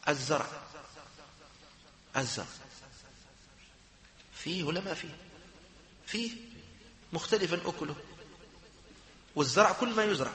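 A man's voice: fairly high pitch, sharp tone. A man teaching a jurisprudence class, often asking his students questions and answering them himself. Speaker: sheikh teaching Islamic jurisprudence. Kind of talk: lecture to a class. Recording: echoey hall with long reverb.

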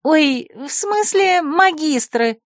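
A spoiled young secretary, squeaky and whiny, her voice pitched high and close to tears, as a woman narrator puts her on. The sound is dry and close, with no room around it. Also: lively intonation, takes it slowly, no room sound.

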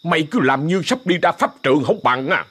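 A man playing a gruff, scolding exorcist. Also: fairly high pitch, animated, fairly quick, a bit bright, voice pushed up. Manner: brusque, scolding. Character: gruff stern male exorcist master.

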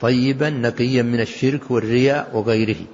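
An older man, an Islamic scholar, giving a slow and measured religious lesson, explaining a hadith with deliberate repetitions. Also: medium pitch, steady tone, a little mellow, slight background noise. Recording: dull lo-fi recording.

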